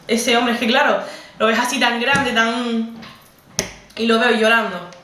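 A woman's voice: fairly high pitch, fairly even intonation, unhurried, pushed and bright, slight background noise. Canarian woman, roomy distant recording. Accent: Canarian Spanish. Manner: emotional, repetitive, conversational retelling. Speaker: vlogger. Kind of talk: personal story told to camera. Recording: roomy, set back from the mic.

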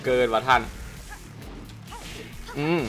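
A man giving loud, excitable gameplay commentary on a fighting game, swearing and shouting at the screen. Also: slow pace, soft background music. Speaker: gaming streamer. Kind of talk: gameplay commentary with Thai dubbing of cutscenes.

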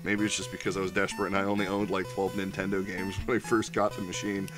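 A man's voice: sits low, little pitch movement, quick pace, music in the background. Sick-sounding man griping over gameplay. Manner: profane, sarcastic griping. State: sick, rough voice. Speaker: let's play commentator. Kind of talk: gameplay commentary.

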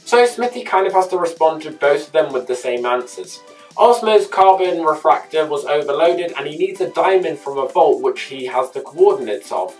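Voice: mid-range voice, animated, normal speed. A YouTube host giving a scripted episode recap narration, adding chatty personal asides. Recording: distant mic with faint music behind.

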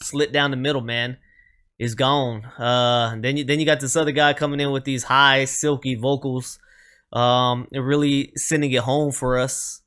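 A man hosting a music reaction, speaking excitedly and emotionally and ending almost every phrase with "man.". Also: mid-range voice, moderate pace, smooth. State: emotional, moved. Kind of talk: casual reaction commentary.

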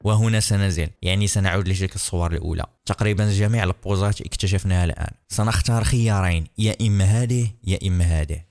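Fast-talking young male game commentator. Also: low-pitched. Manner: excited, chatty, addressing viewers. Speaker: gaming YouTuber. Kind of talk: let's play commentary.

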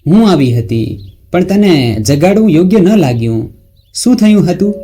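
A man voicing a worried older mother-in-law who asks quiet, anxious questions in a storybook narration. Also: high voice, sing-song, normal speed, slightly rough, full character voice. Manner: soft questioning, turning stern.

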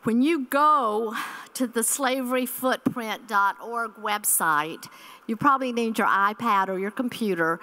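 A woman's voice: fairly high pitch, pushed and bright. A woman in her sixties giving an earnest keynote address at a church conference, speaking from a podium microphone on a hall stage and repeating key phrases.

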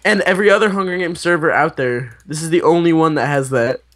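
A man's voice: a little high, quick pace, a bit bright. A man co-hosting a casual gaming chat, playful and rambling, often trailing off mid-sentence. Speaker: co-host gaming guest.

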